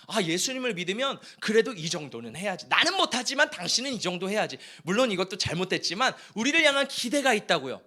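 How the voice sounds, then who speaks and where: A male pastor giving an animated Friday-night sermon in a church, joking with the congregation and calling for amens. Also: very high voice. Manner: animated, jokes and calls for amen. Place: church sanctuary.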